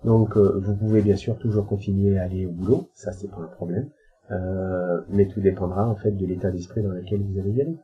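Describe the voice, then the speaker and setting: A man's voice: sits low, steady tone, fairly quick, lo-fi sound, a crowd in the background. A man giving a casual spiritual teaching talk, hesitant and colloquial, with frequent filler sounds. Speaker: spiritual speaker answering questions.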